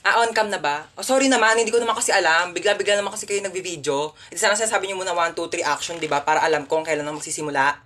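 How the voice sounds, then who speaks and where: A woman's voice: on the low side, rapid-fire, fairly bright tone. A woman, talking through comic skits in a playful, sassy, rambling way. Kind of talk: comedic skits.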